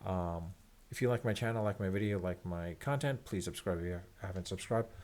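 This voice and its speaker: A man with a fairly low voice talks to his viewers as a disappointed sports fan. His rant is unscripted and rambling, with halting starts and repeated phrases, and it sounds resigned. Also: a little mellow.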